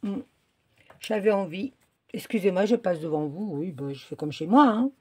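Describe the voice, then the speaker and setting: A woman's voice: medium pitch, expressive, moderate pace, dark tone, slightly rough. A woman from France hosting a casual card-making tutorial at home, rambling with many fillers and restarts as she talks to herself while she works. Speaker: crafting video host. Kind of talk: casual crafting tutorial chat. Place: home, indoors. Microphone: phone or camera filming her work table.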